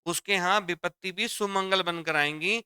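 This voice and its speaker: Male Hindi teacher, fairly high, bright and crisp voice, dry close sound; explains patiently and repeats each point. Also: fairly even intonation, normal speed, no echo. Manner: explains step by step, repeats lines, addresses students as dear children. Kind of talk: exam-prep grammar lesson.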